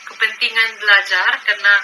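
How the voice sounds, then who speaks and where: A woman's voice: medium pitch, fairly even intonation, a little fast, background noise. A young Filipino woman with a Filipino accent, a foreigner speaking fluent colloquial Indonesian in a casual vlog style. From Philippines. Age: young adult. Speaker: language student making videos.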